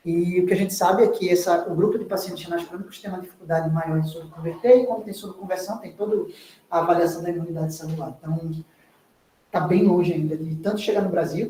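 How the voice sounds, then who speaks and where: A woman's voice: lowish voice, dark tone, distant mic, slight background noise. A woman with a Brazilian Portuguese accent giving a clinical lecture and thanking her hosts, in an earnest, explanatory way. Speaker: guest lecturer, nephrologist. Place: hospital meeting room. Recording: echoey room, speaking away from the mic.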